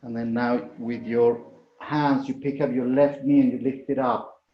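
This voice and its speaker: A man's voice: medium pitch, level tone, measured pace. Echoey, muffled man leading a yoga class. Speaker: yoga instructor. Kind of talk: guided yoga class instruction. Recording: echoey room, dull muffled sound.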